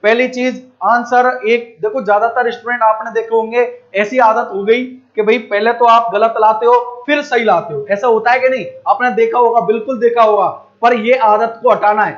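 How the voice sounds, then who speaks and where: A man with a strikingly high voice and a Rajasthani lilt runs a live math class, coaxing his students along. He keeps checking whether everyone has understood. The stream audio is dull and lo-fi. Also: fairly even intonation, moderate pace, few pauses. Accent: Rajasthani Hindi. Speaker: math teacher.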